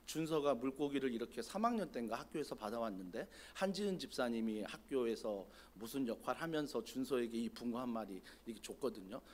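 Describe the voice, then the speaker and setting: A man preaching a sermon as a pastor, asking rhetorical questions and acting out quoted prayers. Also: mid-range voice. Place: church sanctuary.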